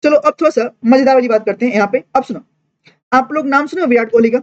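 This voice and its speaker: A woman teacher giving a lively classroom lecture, mixing Hindi and English and checking in with students constantly. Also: high-pitched, quick pace. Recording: dull lo-fi classroom recording.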